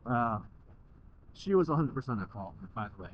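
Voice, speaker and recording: A man's voice: mid-range voice, big pitch swings, normal speed. A young American man motovlogging from inside a motorcycle helmet, chatting casually and bluntly in informal, sweary language. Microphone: microphone inside the helmet. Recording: muffled, dull helmet mic.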